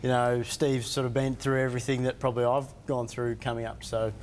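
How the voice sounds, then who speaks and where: Young racing driver, relaxed and modest. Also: male voice, mid-range voice, fairly quick, slight background noise. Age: young adult. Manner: relaxed, modest, hesitant with fillers. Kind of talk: television interview.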